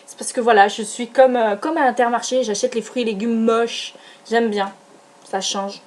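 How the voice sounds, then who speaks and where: Gushing with enthusiasm over a beauty product haul, a young adult woman vlogger chats casually at normal speed. Her voice is a little high with fairly even intonation, and she hesitates a lot, using many fillers and restarts.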